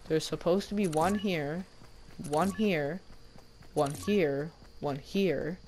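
A young man mutters his way through a game in frustrated, slangy commentary. His voice sits a little high for a man. Loud game noise runs underneath his talk. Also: takes it slowly. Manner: frustrated, slangy, mumbling to himself. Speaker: gamer. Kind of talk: casual gameplay commentary.

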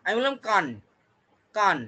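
High-voiced man teaching a class. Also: animated, bright, forceful tone. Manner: explains slowly, repeats words syllable by syllable. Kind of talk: online Bengali grammar class.

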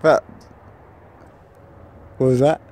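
Man, ghost-hunting vlog, nervous, slow-talking, mellow tone, outdoors, handheld camera. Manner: jumpy, nervous exclamations. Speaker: vlogger. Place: outdoors near a tunnel and field.

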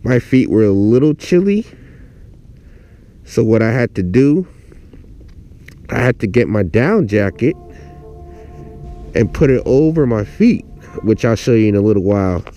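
A mellow, lowish-voiced man sounds very animated yet keeps a measured pace, pausing often as he talks informally to viewers. As an outdoor gear vlogger, he films unscripted in a yard around a tent, with faint music playing behind.

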